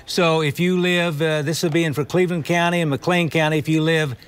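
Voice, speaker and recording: A man's voice: on the high side, steady tone, brisk, clean tone. A man anchoring live emergency weather coverage, giving directions and repeating phrases as he thinks aloud. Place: TV studio.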